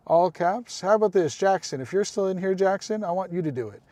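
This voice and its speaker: A man's voice: sits high, lively intonation, brisk, a little mellow, dry recording. A man hosting a casual live stream, chatting with viewers, calling them by name and making apologetic asides.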